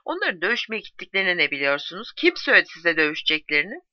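A weary, brooding captive soldier, voiced by a woman reading aloud, asking tired questions in a plain, lively-toned voice. The sound is dull and dry, like a home audiobook. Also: on the low side, very fast, no room sound. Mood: questioning.

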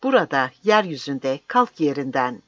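Voicing a fiery old village priest, a reader declaims with passion, shouting defiance in a pleading mood. The delivery is sing-song at medium pitch and normal speed, recorded dry and slightly dull with no room sound.

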